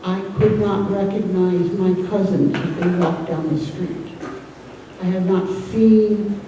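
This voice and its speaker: A woman giving a slow, measured, earnest public comment at a town meeting. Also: medium pitch, fairly even intonation, background noise. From United States. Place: school gym at a town meeting. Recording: echoey hall from far off.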